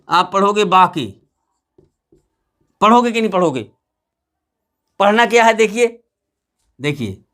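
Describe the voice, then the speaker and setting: A man's voice: sits high, a bit bright. A man teaching English pronunciation, explaining step by step and answering his own questions. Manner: addresses students as "beta"; spells letters out slowly. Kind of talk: classroom lesson.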